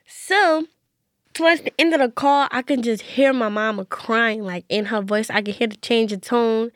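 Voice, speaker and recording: Young woman, slightly high voice, casual storyteller, dry close sound. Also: normal speed, dry recording. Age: young adult. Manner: casual, quoting herself in a hushed voice. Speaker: interview guest. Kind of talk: storytelling in conversation.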